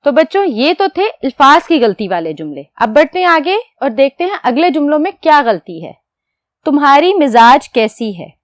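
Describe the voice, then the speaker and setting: High-pitched woman teaching children. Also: sing-song, dry recording. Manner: patient, explains step by step, asks questions and answers them; dictates slowly while writing. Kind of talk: classroom lecture to children.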